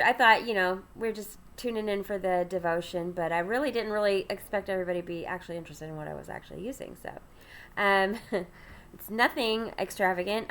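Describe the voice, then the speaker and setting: A ministry host with a medium-pitched, somewhat bright voice chats casually in a get-ready-with-me style. Her voice sounds congested and stuffy-nosed as she does her makeup and rambles with lots of ums.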